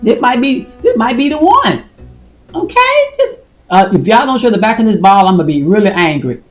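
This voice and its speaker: Animated woman chatting to viewers, echoey room. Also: on the high side, normal speed. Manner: animated, exclaims and talks to viewers as y'all. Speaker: vlogger. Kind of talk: casual vlog commentary while browsing online. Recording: echoey room with faint music.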